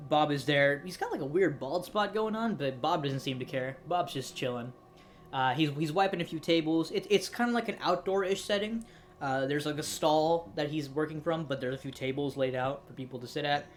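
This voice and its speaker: A game master narrating a tabletop game over voice chat in a loose, rambling way with lots of fillers. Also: mid-range voice.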